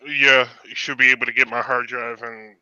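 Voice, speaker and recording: A man with a very bright, smooth voice joins a casual podcast as a regular co-host. He is relaxed and agreeable and answers briefly. His audio comes over an online call and sounds slightly muffled and dry. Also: mid-range voice, normal speed, no room sound. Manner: relaxed and agreeable, short easygoing replies. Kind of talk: casual gaming podcast chat.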